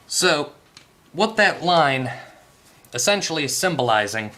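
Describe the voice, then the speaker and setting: This male host of an electronics repair tutorial sounds a little high, with big pitch swings and a slightly slow, bright, forceful delivery. There's slight background noise as he explains hands-on work casually, improvising, thinking aloud and fixing his own mistakes.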